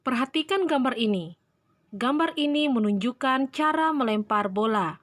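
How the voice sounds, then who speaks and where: Female primary teacher, slow clear instructive delivery, slightly high-pitched, dry recording. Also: animated, fairly bright tone, dry recording. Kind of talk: online lesson for young children.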